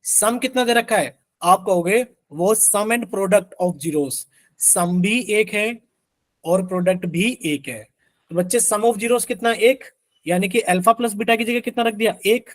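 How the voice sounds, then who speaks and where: High-voiced man teaching an online math class. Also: slow, no echo. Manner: asks students questions constantly, voices their replies as "sir".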